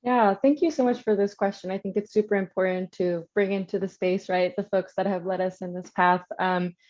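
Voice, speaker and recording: A woman's voice: mid-range voice, steady tone, brisk, darkish tone. Earnest young woman on a muffled call. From Washington State, US. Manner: earnest, humble, with ums. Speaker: panelist, activist. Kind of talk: casual panel talk. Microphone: video call.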